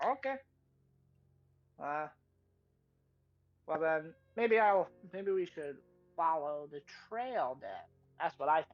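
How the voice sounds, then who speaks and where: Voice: medium pitch, lively intonation, takes it slowly, long pauses, muffled recording. A tabletop role-play player thinking aloud, rambling through theories in character.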